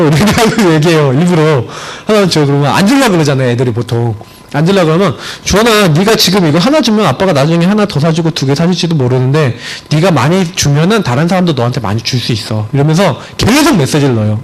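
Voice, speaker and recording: Animated high-voiced man preaching. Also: rough recording. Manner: animated, swings from high emphatic points to low storytelling. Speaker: pastor. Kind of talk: sermon with personal story. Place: church sanctuary.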